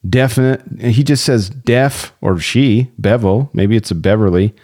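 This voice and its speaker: A man's voice: medium pitch, measured pace, darkish tone. A young man co-hosting a podcast, chatting casually and laughing as he reads listener reviews aloud. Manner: laughs often while reading reviews aloud. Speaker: podcast co-host.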